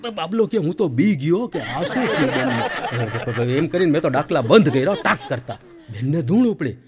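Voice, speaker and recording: Lively male comic telling a joke story. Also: fairly high pitch, moderate pace. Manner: animated, laughing, acts out the story. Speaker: comedian. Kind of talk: stand-up storytelling.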